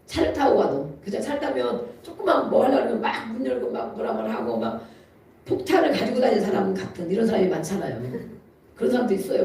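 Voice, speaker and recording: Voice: mid-range voice, dark tone, slight background noise. A preacher giving a chatty, storytelling sermon with frequent laughs that rises to emphatic exhortation, recorded in a church sanctuary from a distance. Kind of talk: conversational sermon. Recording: echoey hall, mic from far off.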